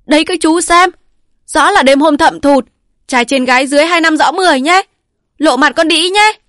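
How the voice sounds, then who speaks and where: A furious village wife shrieks her insults, high and piercing, as a woman reader puts her on. The storybook reading is dry and close. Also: fast, dry recording, close to an everyday voice. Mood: furious screaming. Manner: shrill, screaming insults.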